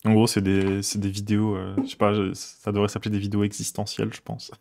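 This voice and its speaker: A man chats with his stream audience as he codes. His voice sits low with a gravelly fry. He rambles easily, hunts for words and laughs lightly at himself. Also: quick pace. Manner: relaxed, rambling, many fillers, chuckles often. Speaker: streamer coding live. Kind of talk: casual live-coding stream chat.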